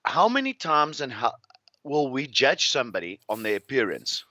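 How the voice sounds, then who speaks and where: A man's voice: medium pitch, very animated, moderate pace, bright, forceful tone, no echo. A man with a South African accent, a guest telling rambling, restless travel anecdotes in a casual interview. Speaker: guest, farmer.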